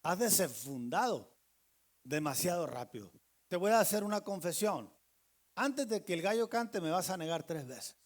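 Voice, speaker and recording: A man voicing a calm, gentle male teacher, quoted quietly and low in a sermon. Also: normal speed.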